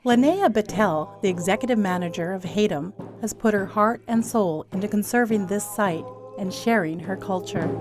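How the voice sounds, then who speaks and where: Woman narrator, measured travel-show read, music bed behind. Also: medium pitch. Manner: measured, informative. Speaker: documentary narrator.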